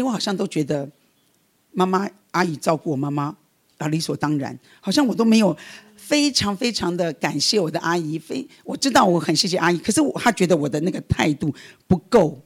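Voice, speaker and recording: A man's voice: sits high, slightly rough. A man giving an earnest, conversational sermon, telling a personal story with many restarts and fillers. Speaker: preacher.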